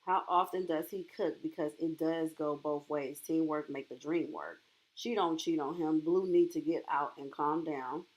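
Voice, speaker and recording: A woman's voice: sits low, steady tone, normal speed. A woman hosting a livestream, chatting casually and reacting to comments from her chat with laughs.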